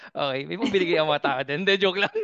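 A man's voice: high voice, fairly bright tone, no echo, muffled recording. A man in his thirties from Quezon in the Philippines, hosting a casual podcast chat, talking chattily, mixing in English and laughing often. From Lucena, Quezon, Philippines. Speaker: podcast host.

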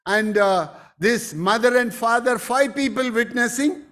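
A man with a very high voice preaches slowly and deliberately, drawing out each phrase. He is the pastor delivering a sermon, and he keeps pressing his points with emphatic exclamations. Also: a bit bright.

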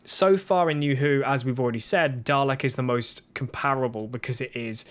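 A man co-hosting a podcast in a casual, eager chat. His voice sits at an ordinary middle pitch. He often talks over his co-host. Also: moderate pace, a bit bright. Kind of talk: casual chat reviewing TV episodes.

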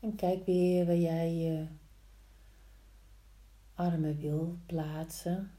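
A woman guiding a yoga practice slowly, in a soft, soothing, hushed voice with long pauses between short instructions. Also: on the low side, level tone. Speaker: yin yoga teacher. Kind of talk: slow guided yoga instruction. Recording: roomy, echoing sound.

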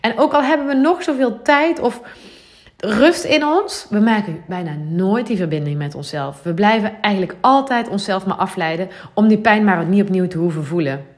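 Dutch woman in her 30s hosting a podcast alone, earnest and confiding, lots of ums, middle pitch. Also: lively intonation, moderate pace. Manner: earnest, confiding, thinks aloud with many fillers. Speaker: podcast host. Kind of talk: reflective solo podcast talk.

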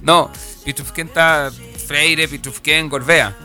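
A man's voice: fairly high pitch, steady tone, slow pace, bright, forceful tone, faint music behind. A Chilean man co-hosting a podcast, joking and teasing in casual chat. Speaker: podcast co-host.

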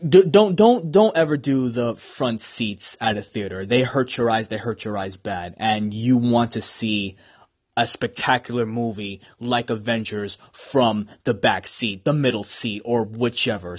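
A man's voice: mid-range voice, slightly rough. A man in his twenties hosting a solo podcast in a casual, rambling way. He is enthusiastic and self-deprecating. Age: 20s. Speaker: podcast host.

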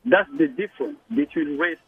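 A man's voice: a little high, moderate pace. A man calling in to a radio show, explaining his point methodically. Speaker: caller. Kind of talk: call-in radio talk. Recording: tinny phone line.

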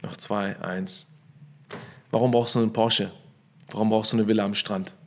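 A man's voice: fairly low pitch, fairly even intonation, moderate pace. Upbeat man hosting a motivational talk. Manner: upbeat, mixes English phrases into speech. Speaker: host. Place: his apartment. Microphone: studio microphone.

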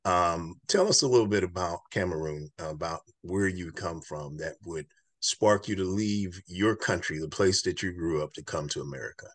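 A man's voice: low-pitched, normal speed, no echo. A man hosting an interview show, encouraging his guest, often stumbling and repeating words as he asks questions. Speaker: show host. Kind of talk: interview conversation.

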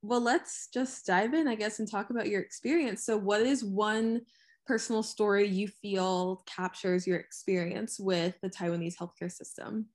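A woman's voice: medium pitch, steady tone, normal speed, darkish tone. A young woman, a student, interviewing someone in a friendly, upbeat way with short encouraging replies. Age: young adult. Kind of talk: casual interview.

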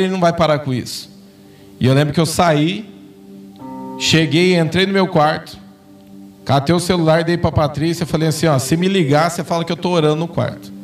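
A man's voice: fairly high pitch, recorded from a distance. A man with a Brazilian Portuguese accent preaching a sermon in church, telling personal stories and acting out the quoted dialogue. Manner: storytelling, acts out quoted dialogue with rising intensity. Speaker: pastor. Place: church sanctuary.

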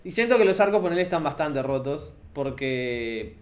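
A young man talks about games in a relaxed, animated way, voice sitting a little high for a man. He laughs easily and restarts his sentences often, like a friend on a podcast. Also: moderate pace. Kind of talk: casual gaming chat.

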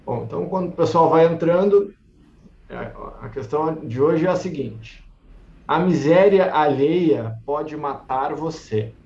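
Guy hosting a book club stream, chill and chatty, roomy muffled audio. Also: on the high side. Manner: relaxed, chatty, laughs easily, reads passages slowly. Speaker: host of an online book club. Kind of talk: casual live-stream chat.

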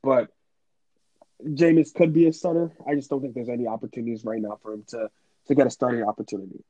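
A man co-hosting a podcast, chatting casually and in an animated way about football, with quick asides. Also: mid-range voice, no echo, low-quality recording. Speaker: podcast co-host. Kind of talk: casual sports podcast chat.

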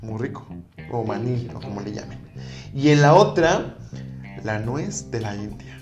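A man's voice: medium pitch, animated, unhurried, darkish tone. Joking Mexican man hosting a chat. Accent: Mexican Spanish. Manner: joking, playful, slangy, boxing-match commentary voice. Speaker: podcast host. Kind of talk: casual chat. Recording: roomy room with music behind.

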